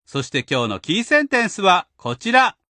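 A man hosting a language lesson, explaining grammar in a clear, patient, instructional way. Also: sits high, big pitch swings, moderate pace, sharp tone. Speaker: language teacher host.

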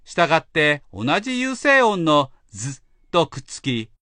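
A man explaining pronunciation rules as an English teacher, slow and careful. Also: fairly high pitch, sing-song, sharp tone, smooth, no echo. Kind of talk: instructional narration.

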